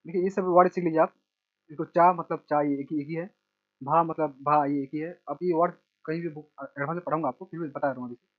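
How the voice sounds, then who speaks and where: A man teaching children to read, sounding out each word slowly and repeating it, then adding quick explanations in between. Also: on the high side, fairly even intonation. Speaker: language teacher. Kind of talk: slow word-by-word reading lesson. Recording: tinny phone-like audio.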